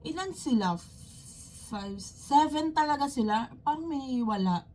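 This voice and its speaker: A young woman with a Filipino accent hosts a reaction video in a high, bright voice. She talks casually and gushes with loud exclamations, and loud music plays behind her. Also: animated, a little slow. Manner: chatty, gushing, exclaims loudly. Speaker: reaction channel host.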